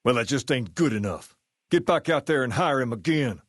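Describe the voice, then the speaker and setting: A man's voice: medium pitch, expressive, breathy edge, dry recording, studio quality. The King, a folksy Southern gang boss. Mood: wry, businesslike. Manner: folksy, self-assured, measured. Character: charismatic, folksy male gang boss styled on a rock-and-roll idol. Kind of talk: video game character dialogue.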